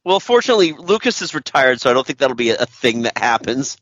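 Man, podcast host, casual joking film commentary, bright animated voice, slightly dull recording. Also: medium pitch, fast, no echo. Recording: dry, slightly dull audio.

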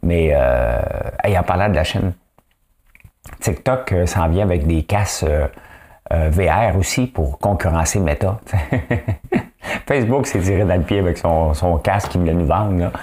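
Talking a little slowly in a low-pitched, darkish voice, a Quebec French-accented man hosts a casual commentary show by himself. He's chatty, often asking "hein?" and slipping in jokes as he goes.

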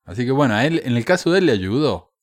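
A man's voice: medium pitch, big pitch swings, fast, no echo, studio quality. A man giving casual, frank commentary with a sardonic edge, hesitating and restarting as he talks. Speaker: commentator on religious texts.

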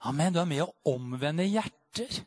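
A man's voice: fairly high pitch, animated, no echo. Fervent preacher man, soaring amens. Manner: fervent, swings from soaring exclamations to quiet reflection; peppers speech with amen and hallelujah. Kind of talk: charismatic sermon.

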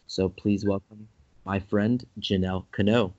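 A man's voice: lowish voice, fairly even intonation, a little slow, a little mellow, no echo, lo-fi sound. A man hosting a casual interview, rambling and joking with restarts. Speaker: podcast host.

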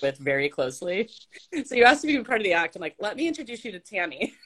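A woman's voice: mid-range voice, big pitch swings, fast, fairly bright tone. A woman from Arkansas, hosting a podcast in casual chat, self-deprecating and laughing often. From Arkansas, US South.

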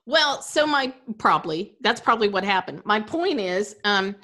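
A woman's voice: medium pitch, animated, moderate pace, pushed and bright. A woman co-host chatting casually and sharing personal anecdotes. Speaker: podcast co-host.

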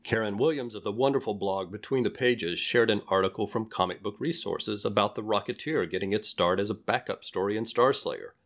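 A man co-hosting a podcast, reading listener mail in an even, friendly way. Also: on the low side, brisk, few pauses. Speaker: podcast co-host.

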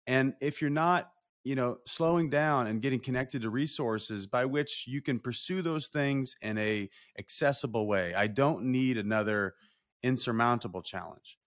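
A man co-hosting a podcast, speaking in an animated, conversational way and swearing casually. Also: medium pitch, moderate pace. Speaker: podcast co-host.

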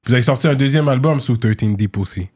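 A man's voice: medium pitch, fast, a little mellow, husky. A man, hosting a casual interview and steering it with short questions. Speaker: podcast host.

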